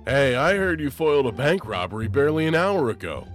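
A man's voice: medium pitch, big pitch swings, fairly quick, soft background music, pitched above the performer's own voice, close to an everyday voice. A man voicing a cocky, chatty young male superhero speedster with a teasing, friendly manner. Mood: breezy.

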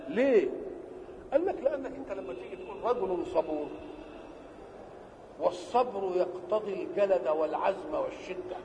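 A man with an Egyptian Arabic accent giving a religious lesson. He asks questions and answers them himself, and he stretches key words slowly for emphasis. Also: high voice. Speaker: religious teacher. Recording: reverberant hall with faint background noise.

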